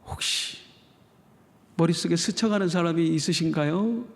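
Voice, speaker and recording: High, gravelly-voiced pastor preaching. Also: male voice, moderate pace. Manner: emotive storytelling, voicing the characters with sudden loud outbursts. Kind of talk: sermon storytelling. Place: church sanctuary. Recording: long reverb of a church hall.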